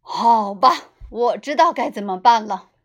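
A woman's voice: fairly high pitch, lively intonation, a little slow, muffled recording. A woman voicing a stern, exasperated father in a children's storybook. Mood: resigned. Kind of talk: storybook character voice.

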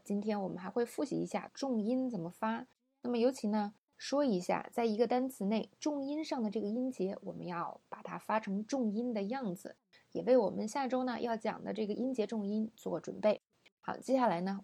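Young woman, pronunciation teacher, recorded lesson, slows down to model words. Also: mid-range voice, gravelly, dark tone, husky.

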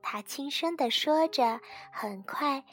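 A woman storyteller reading a children's bedtime story in a slow, soothing way. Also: high voice, soft background music. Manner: slow, soothing, fading to soft.

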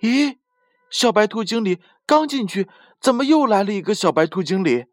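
A little grey rabbit clerk from a children's storybook, voiced by a man, exclaiming high and fast. The voice leaps around in pitch. The sound is dry and close. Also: big pitch swings, no room sound, soft background music. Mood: astonished.

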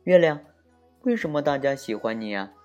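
A man's voice: medium pitch, expressive, normal speed, dull audio, soft background music, voice pushed up, natural voice. A man voicing Phil, a curious little boy who earnestly asks everyone questions, in a children's story.

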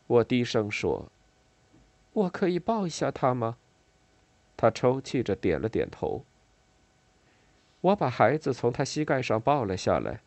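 A man narrating a novel in a measured reading style with expressive, varied intonation. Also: fairly low pitch, no echo. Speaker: audiobook narrator.

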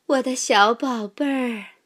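A woman voicing a loving mother duck in a storybook, speaking softly and tenderly. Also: fairly high pitch, expressive. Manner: soft, slow and tender.

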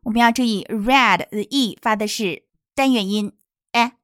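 A woman teaching English pronunciation from a picture book, explaining slowly and demonstrating words. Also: on the high side, a bit bright, no room sound, studio quality.

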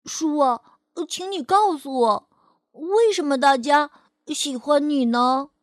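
A curious little boy who asks everything in a hesitant, wondering way, as a storyteller puts him on. The voice is a little raised and bright. It comes across as a storybook child. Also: high voice, takes it slowly, no echo, clean studio sound, pitched above the performer's own voice.

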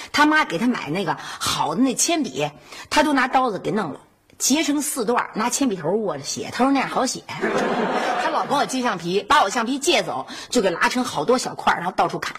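An actress playing a chatty, lively middle-aged mother with a hoarse voice, in a sitcom. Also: medium pitch, a little fast, a little hiss or hum. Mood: gossipy, amused. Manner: talkative, laughs often, animated storytelling. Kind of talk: sitcom acting.

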